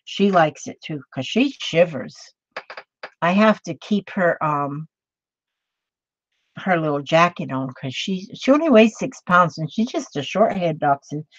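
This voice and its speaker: A Minnesota woman in her late sixties hosts a crafting video, chatting casually with viewers as she works. Her lowish, expressive voice moves unhurriedly, rambling with fillers and restarts. There's no room sound, and the recording is dull and slightly lo-fi.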